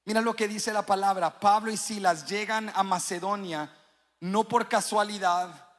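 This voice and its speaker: A male pastor preaching a sermon, rising to sung, shouted climaxes and dropping to quiet passages. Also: steady tone, moderate pace. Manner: preaching that swells into sung, shouted climaxes, then drops low. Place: large church hall. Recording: long church reverb.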